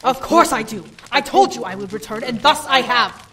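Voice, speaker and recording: A commanding demon queen from a game, as a woman puts her on, high and bright with a sharp ring. She speaks in imperious declarations, proud and regal. The voice sits a little back from the mic. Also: lively intonation, normal speed, far from the mic. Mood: assured. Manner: imperious, spell-casting declarations.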